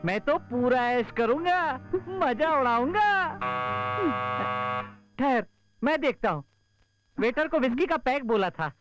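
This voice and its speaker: A man's voice: very high-pitched, expressive, measured pace, pauses often, soft background music. An actor playing a flustered, philandering man who is caught out in a comic film scene. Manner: flustered, panicky comic patter. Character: panicky cheating man caught out. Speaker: philandering husband in a film comedy.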